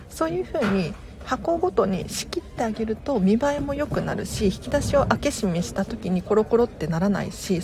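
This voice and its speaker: A young woman hosting a casual live stream, talking politely and chattily with her viewers. Her voice is mellow and warm, and soft little laughs slip in between her tips. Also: mid-range voice.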